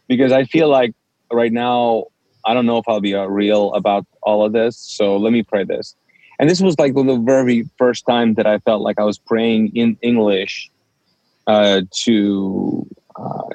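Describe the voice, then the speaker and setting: Speaking unhurriedly in a fairly low voice, a pastor from Kuwait whose native tongue is Urdu recounts his story during a casual interview. He's an animated narrator who acts out the dialogue. The recording is muffled but has no echo.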